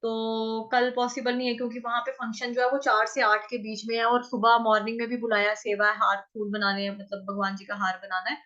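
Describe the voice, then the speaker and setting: High-voiced woman teacher, slow and bright, going over each syllable again and again, dull lo-fi sound. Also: flat delivery. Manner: slow syllable-by-syllable drilling, repeating words many times. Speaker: Sanskrit recitation teacher. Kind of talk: online chanting class. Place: online class.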